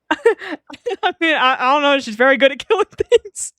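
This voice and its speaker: A woman's voice: sits high, big pitch swings, measured pace, background noise. A woman streaming a game, chatting in a rambling, giggly way and swearing freely. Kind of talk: live-stream game commentary.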